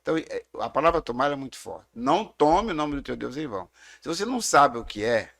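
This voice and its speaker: A guest theology teacher, middle-aged with a Brazilian Portuguese accent, speaks briskly and with great animation. His voice is a little high and fairly bright, with vocal fry, as he reflects, explains, and shares stories in an informal conversation.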